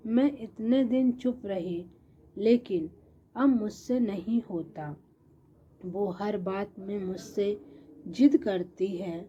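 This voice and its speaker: A woman's voice: medium pitch, takes it slowly, warm tone, a little hiss or hum, lightly acted. A woman voicing a stubborn, scolding old mother-in-law. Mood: angry, stubborn. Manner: scolding, insistent. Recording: dull lo-fi recording.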